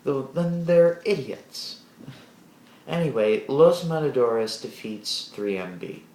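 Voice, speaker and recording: Alone at the mic, a man with a deep voice gives a loose, rambling wrestling show review full of restarts and lively asides. He talks slowly in an echoey room.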